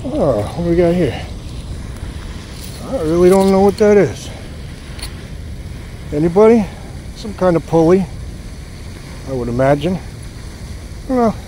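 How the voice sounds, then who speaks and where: A magnet fishing vlogger chats to viewers and exclaims at each find at the edge of a city pond, filmed on a chest-mounted action camera. His high-pitched voice is very animated but slow, with long pauses. The audio is poor, with loud wind and water noise from the outdoor camera.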